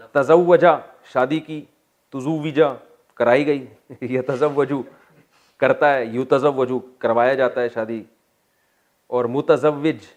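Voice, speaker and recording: A man with a Pakistani accent teaches a classroom lecture on Arabic grammar for the Quran. He spells out word forms slowly and deliberately, then slips into quick, joking asides to his students. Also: mid-range voice. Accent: Pakistani Urdu. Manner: jokes with students.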